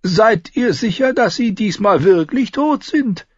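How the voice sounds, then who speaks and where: Tyrion, a high mocking dwarf lord. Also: male voice, animated, measured pace, husky, no room sound, highs cut off, exaggerated voice. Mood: mock concern. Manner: sardonic, teasing, raised and loud. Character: quick-witted mocking dwarf nobleman, adult man.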